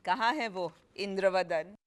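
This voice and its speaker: An actress playing a haughty, sharp-tongued older upper-class woman who talks in clipped, disdainful phrases and mixes in English, in a TV sitcom. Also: medium pitch, unhurried, natural voice. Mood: imperious. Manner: clipped, disdainful, mixing English into her talk. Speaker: wealthy snobbish wife Maya. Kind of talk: sitcom acting.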